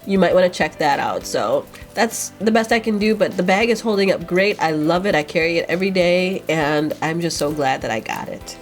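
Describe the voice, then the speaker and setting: A woman's voice: fairly low pitch, expressive, a little fast, few pauses, soft background music. A woman vlogger, stuffy and sniffling with a cold, rambling in casual chat as she answers viewer questions. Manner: rambling, chatty, with fillers.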